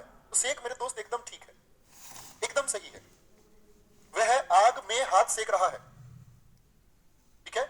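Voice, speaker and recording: A man's voice: sits high, fairly bright tone, rough recording. Male teacher quizzing his students. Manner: keeps quizzing students with rhetorical questions; reads example sentences aloud slowly, then corrects them. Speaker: Hindi grammar teacher. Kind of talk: live online grammar class.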